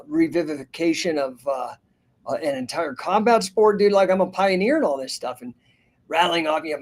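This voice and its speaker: A fifty-year-old man hosting a live stream, with a voice that sits a little high for a man. He talks in a chatty, rambling way, reads out viewer names and answers comments. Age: 50s. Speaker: host and business coach. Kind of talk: casual livestream talk.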